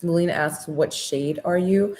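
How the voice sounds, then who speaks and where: Female American live-stream makeup host, speech through new braces, lower-than-average register, excited and slangy, chatty with viewers. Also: measured pace. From Orlando, Florida, USA. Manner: talking with new braces on her teeth; upbeat, excited, informal and slangy.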